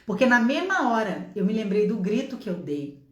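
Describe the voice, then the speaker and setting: A woman's voice: a little high, very animated, normal speed. Fervent Brazilian woman preaching, echoey room. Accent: Brazilian Portuguese. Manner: passionate, exhorting, acts out shouts and dialogue. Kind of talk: sermon with personal testimony. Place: home office.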